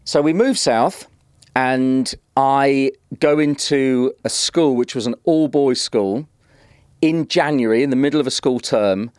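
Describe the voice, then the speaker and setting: A man in his forties from Northeast England, a guest telling long, animated stories in casual chat. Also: mid-range voice, unhurried, smooth, no room sound, clean studio sound. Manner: animated, rambling anecdotes with many restarts. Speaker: guest, drum and bass producer. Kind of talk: casual storytelling. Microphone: podcast studio mic.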